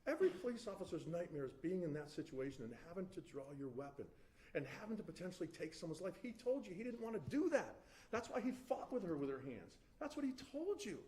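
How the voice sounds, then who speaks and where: Male defense lawyer in a courtroom, slightly high voice, very animated pitch, insistent delivery to the jury. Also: fast. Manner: emphatic, addresses the jury repeatedly, frequent restarts. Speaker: defense attorney. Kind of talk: courtroom closing argument to a jury.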